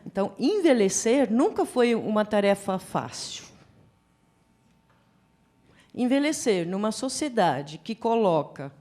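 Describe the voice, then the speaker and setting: A woman lecturing on psychology at a forum. Her delivery is conversational and animated, and she acts out little scenes in the middle of her points. Her voice sits at an ordinary middle pitch. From Brazil. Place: lecture hall.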